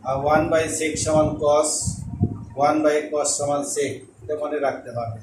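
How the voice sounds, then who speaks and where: A male math teacher giving a slow classroom lesson, repeating and spelling out each term. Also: a little high, steady tone. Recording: echoey room, mic far off, noisy.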